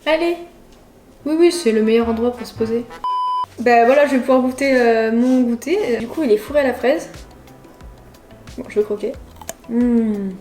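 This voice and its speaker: A woman's voice: fairly high pitch, moderate pace, long pauses, dark tone. A young woman casually talking to her viewers while eating, chatty and giggly. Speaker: vlogger. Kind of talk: casual food challenge vlog. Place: home kitchen. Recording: echoey room with music behind.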